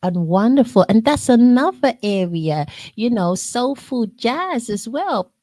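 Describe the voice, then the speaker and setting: A woman with a South London accent hosting a radio show, gushing warmly with praise in casual interview chat. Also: fairly high pitch, very animated, measured pace, dry recording.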